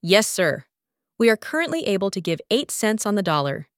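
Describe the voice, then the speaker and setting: A man's voice: high voice, very animated, normal speed, fairly bright tone, clean tone, no echo, clean studio sound, pitched above the performer's own voice, full character voice. A man reading an audiobook, voicing a female bank teller who speaks with stiff, scripted politeness. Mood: polite. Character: strained, formal young female bank teller.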